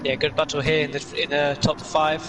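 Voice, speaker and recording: A man's voice: fairly high pitch, little pitch movement, fairly quick. Man, motorsport commentator, live race calls, off-mic sound, heavy car noise. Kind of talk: live sim-racing commentary. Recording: distant mic under loud car noise.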